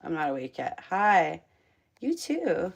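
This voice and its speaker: In a home room, a woman rambles through a casual live stream, using plenty of fillers. Her lowish voice is sing-song, slow and creaky, and the sound is lo-fi.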